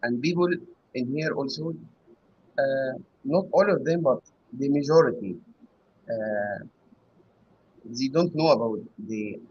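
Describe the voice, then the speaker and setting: A man calling into a show over a bad connection that keeps cutting out. He is not a native English speaker and talks in a hesitant, halting way with many pauses and restarts. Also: medium pitch, a little mellow, slight background noise. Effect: bad connection, mic cutting out. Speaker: guest caller. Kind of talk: casual chat. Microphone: online video call. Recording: muffled, dropping online call audio.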